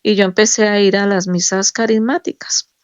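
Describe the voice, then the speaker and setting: A middle-aged woman, a nurse, giving a personal religious testimony in a halting, emotional way with many restarts. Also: medium pitch, fairly even intonation, no echo.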